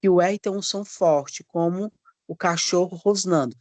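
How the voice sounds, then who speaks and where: A man's voice: sits high, darkish tone, no echo. Male literacy teacher streaming a lesson. Friendly and demonstrative, stretches sounds, checks in often, dry close sound. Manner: drawn-out demonstrations of letter sounds; frequent checking tag questions. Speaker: literacy course instructor. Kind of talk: live online teacher training lesson.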